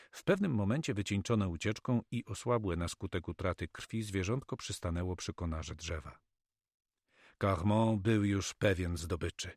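A man narrating an adventure story as an audiobook reader, with steady storytelling delivery. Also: deep voice, no echo, studio quality.

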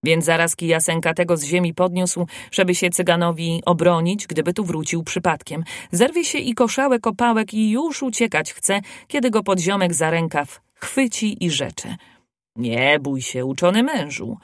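A narrator reading a fairy tale aloud in a measured, expressive way. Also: medium pitch, dry recording, clean studio sound. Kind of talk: storybook reading.

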